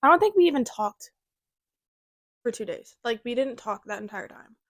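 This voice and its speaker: Young Midwestern woman, higher voice, chatty podcast storyteller, dry close sound. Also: expressive, moderate pace, no echo. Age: young adult. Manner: chatty storyteller, playful asides. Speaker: podcast co-host. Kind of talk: casual chat.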